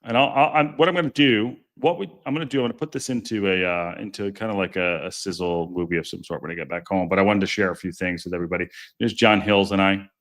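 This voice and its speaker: This podcast host is a fast talker with a deep, strong voice and fairly bright tone, keeping things casual and jokey as he responds to live-stream comments. His chatty rambling is marked by stumbles, self-interruptions, and restarts.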